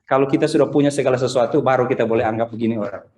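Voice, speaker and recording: A man preaching a Sunday sermon in a conversational, animated way, acting out the people he quotes. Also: mid-range voice, rapid-fire, roomy sound. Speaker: pastor. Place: church service streamed over video call.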